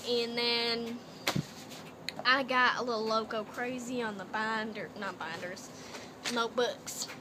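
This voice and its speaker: A young Canadian woman vlogger chats and rambles through a casual haul video in a playful put-on accent, her voice a little high with fairly even intonation and a measured pace. She records on a laptop webcam in her small, cluttered bedroom, and the audio is noisy.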